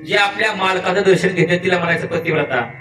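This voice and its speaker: High-voiced man preaching a playful kirtan. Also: quick pace, bright, forceful tone. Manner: playful, teasing the audience with questions. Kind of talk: devotional kirtan sermon with storytelling. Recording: echoey and distant, live hall with music.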